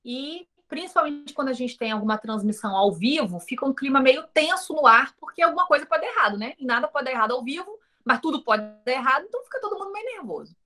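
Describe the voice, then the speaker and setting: A woman with a Brazilian accent gives a casual recorded lesson in a rather high voice. She puts rhetorical questions to her viewers and acts out the lines of people in her own stories. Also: fast talker, few pauses. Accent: Brazilian Portuguese. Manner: lively, talks straight to the viewers with rhetorical questions. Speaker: teacher of an online course.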